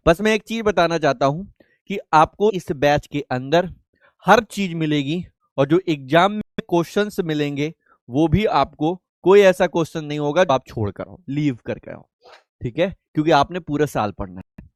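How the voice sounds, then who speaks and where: Male teacher, slightly high voice, dry close sound, lectures by quizzing and answering himself. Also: expressive, normal speed, no echo. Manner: asks questions and answers them himself in call-and-response; affectionate, calls students beta and babu. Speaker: chemistry teacher. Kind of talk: live online class lecture.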